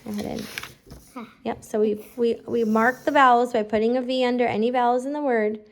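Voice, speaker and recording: A woman teaching a phonics lesson casually, giving slow school dictation with repeated words and prompts for a child. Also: a little high, fairly even intonation, a little hiss or hum. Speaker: home phonics teacher, parent-style instructor.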